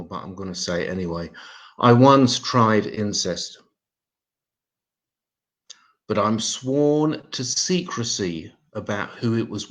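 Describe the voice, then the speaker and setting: Guy doing deadpan one-liners, mocks himself, stand-up set. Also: on the low side. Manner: deadpan, self-mocking. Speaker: stand-up comedian.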